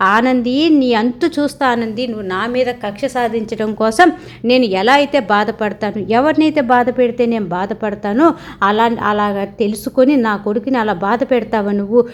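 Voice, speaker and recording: A woman's voice: a little high, moderate pace, lightly acted. A woman voicing an angry, grieving rich mother who scolds in a raised, agitated voice. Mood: furious, bitter. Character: angry grieving wealthy mother, bitter and vengeful.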